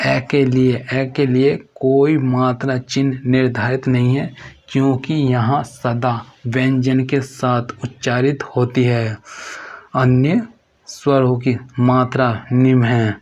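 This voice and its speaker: Guy teaching grammar from his notes, slow and flat, says everything twice, muffled lo-fi sound. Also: medium pitch. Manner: slow and repetitive, restating each phrase. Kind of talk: exam-prep grammar lesson, reading out notes. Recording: dull lo-fi recording.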